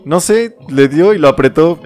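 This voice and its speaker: A man's voice: on the high side, animated, moderate pace, darkish tone, soft background music. A young man with a Mexican accent telling a school story at an easy pace, full of hesitant fillers. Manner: laid-back anecdote with hesitant fillers. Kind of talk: casual chat among friends.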